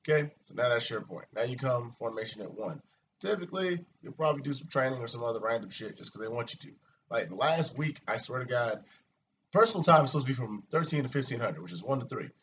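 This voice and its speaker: Talking fast at a medium pitch, a man rambles on about his daily army life in a casual vlog chat, animated, profane and venting. The sound is muffled and distant, with light hiss from the mic.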